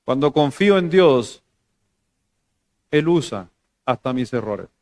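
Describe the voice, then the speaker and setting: A man with a Chilean Spanish accent, a pastor preaching a sermon in a conversational way, joking and moving between loud emphasis and soft, low asides. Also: lively intonation, slow, dry recording.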